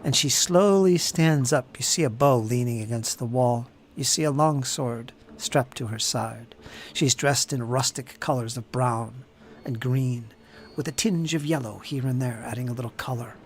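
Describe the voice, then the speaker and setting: Guy game-mastering a tabletop game, slow descriptive narration, mid pitch, faint hiss in the background. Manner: deliberate, descriptive, shifting pace.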